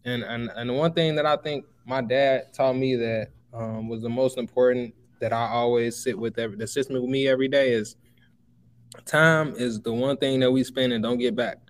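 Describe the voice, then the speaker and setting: On a casual podcast, a Chicago man in his twenties speaks as a guest, emphatic and motivational, repeatedly calling the listener "bro." His pitch is average for a man, his intonation fairly even, and his pace moderate.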